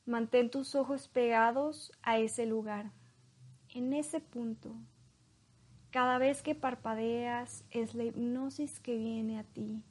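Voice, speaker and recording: A woman leading a guided hypnosis in a slow, soothing hypnotist voice, leaving long pauses between phrases. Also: a little high, fairly even intonation, a little mellow.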